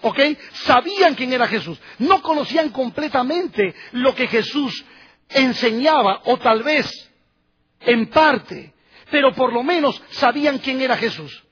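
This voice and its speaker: A man delivers a sermon in an unusually high, breathy voice. He keeps turning to the congregation with rhetorical questions. The recording sounds muffled and lo-fi. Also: animated, a little slow, fairly bright tone. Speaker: preacher.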